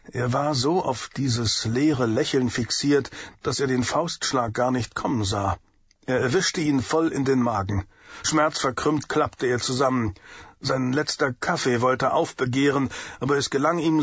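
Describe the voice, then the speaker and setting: A man narrating an audiobook thriller in a steady, measured way, in a dull lo-fi recording. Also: mid-range voice, breathy edge, no echo. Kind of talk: scripted narration.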